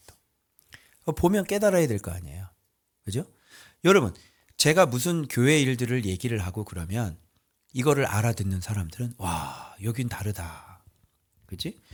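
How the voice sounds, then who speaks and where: Emphatic, lively male pastor preaching. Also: slightly rough. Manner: emphatic, colloquial, asks listeners rhetorical questions; swings from loud outbursts to low mutters. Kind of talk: sermon.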